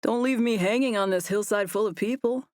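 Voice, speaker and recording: A woman voicing a tender, playful young man in love, speaking gently and earnestly. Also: medium pitch, fairly quick, no room sound, clean studio sound, natural voice.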